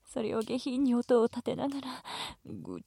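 A woman voicing a teasing, domineering female teacher in a whispered roleplay, speaking in a soft, breathy, bossy way. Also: fairly high pitch, huge pitch swings, moderate pace, exaggerated voice. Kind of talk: erotic ASMR roleplay.

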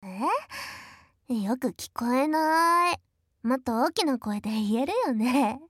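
A woman playing a bossy, sneering younger sister in an audio drama, her voice set high and swooping wildly up and down as she giggles and looks down on her brother. The recording is dry and close, with no room sound around her. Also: animated, slow, a bit bright, no echo, full character voice. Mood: taunting. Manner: taunting, condescending, frequent giggles. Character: mocking, domineering adult younger sister. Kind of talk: audio role-play drama.

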